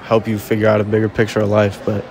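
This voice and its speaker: A man's voice: fairly low pitch, quick pace. Frank young man talking on a street. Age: young adult. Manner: relaxed, frank, rambling slang. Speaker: passer-by being interviewed. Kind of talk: casual street interview. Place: outdoors on a city street.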